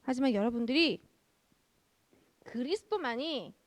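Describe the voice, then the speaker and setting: A young woman pastor giving a children's sermon, lively, asking the kids questions and answering them herself. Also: high-pitched, unhurried, no room sound.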